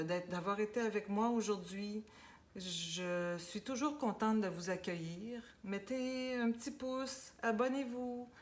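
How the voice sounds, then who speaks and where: A woman with a Québécois accent giving a casual tarot guidance talk, unhurried and hesitant with many fillers. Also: fairly low pitch, slight background noise. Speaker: tarot reader.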